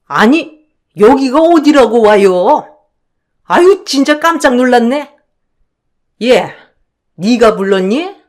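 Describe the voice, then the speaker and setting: A woman's voice: a little high, voice pushed up. A woman putting on a sneering, bossy mother-in-law. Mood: indignant sneering. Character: domineering older woman, a scornful mother-in-law.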